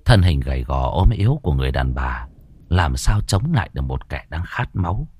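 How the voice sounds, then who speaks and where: A man's voice: a bass voice, big pitch swings, fairly quick, darkish tone, slightly rough. A man narrating a scripted horror story in a dramatic storytelling manner.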